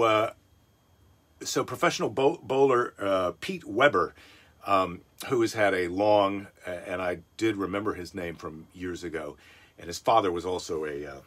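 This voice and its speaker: A man's voice: lowish voice, a bit bright. A middle-aged man hosting a daily live stream, telling a rambling story with chuckles and self-corrections. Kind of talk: casual rambling monologue.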